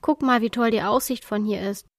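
A woman's voice: on the high side, brisk, no room sound, close to an everyday voice. A woman voicing an upbeat young male character in a children's story, cheerful and reassuring.

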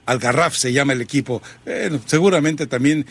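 Un hombre con acento mexicano que conduce un programa deportivo, da paso a pausas y segmentos con agilidad. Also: male voice, mid-range voice, fairly bright tone, slightly rough. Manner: brisk, leads segments and breaks. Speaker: host. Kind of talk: sports talk show hosting.

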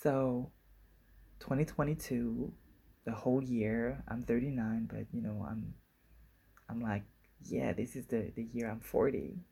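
A woman's voice: very deep voice, fairly even intonation, unhurried, creaky, long pauses, dark tone, slightly rough. A woman in her forties hosting a solo podcast in a casual, musing way, often circling back and restarting her thoughts. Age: 40s. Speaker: podcast host.

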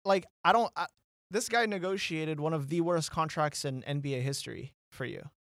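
A man co-hosting a casual sports podcast, animated and teasing, rambling with lots of fillers. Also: fairly high pitch, moderate pace, no room sound, studio quality. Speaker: podcast co-host.

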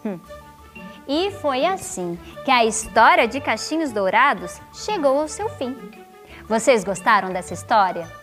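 A woman telling a children's story, expressive and playful, drawn out, with asides to her young listeners. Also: a little high, unhurried, faint music behind.

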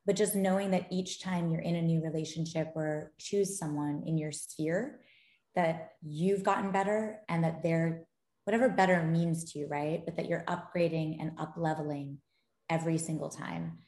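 A deep-voiced woman at a moderate pace swaps dating and gaming stories on a podcast, excitable and laughing throughout. The room is echoey, and the tone is that of a casual interview.

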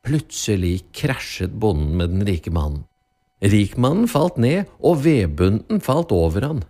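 A man narrating a children's storybook radio play in a lively, drawn-out storytelling manner. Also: lowish voice.

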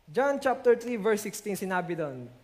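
A man with a Filipino accent preaching a sermon to a congregation, slowing down to stress verses and switching between Tagalog and English. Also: high voice, sing-song.

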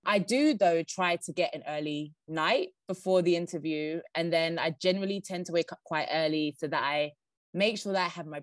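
A woman guest on a podcast giving interview tips, who says she talks fast and laughs now and then. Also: fairly low pitch, no echo. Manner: fast-talking, laughs often.

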